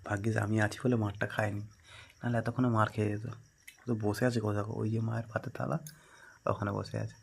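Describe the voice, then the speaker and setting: Bengali man, low voice, casual home vlogger, shifts between hushed asides and loud calls, faint noise behind. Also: level tone, brisk, gravelly. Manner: chatty, often drops to a hushed murmur, calls out loudly to his dog. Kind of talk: casual home vlog narration. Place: home, indoors.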